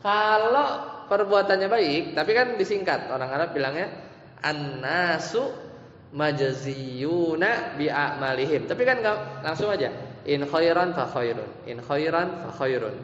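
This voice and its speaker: A man teaching Arabic grammar in an Islamic study class, explaining slowly, repeating terms, and asking and answering his own questions. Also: fairly high pitch, animated, a bit bright. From Indonesia. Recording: echoey lo-fi hall recording with faint hum.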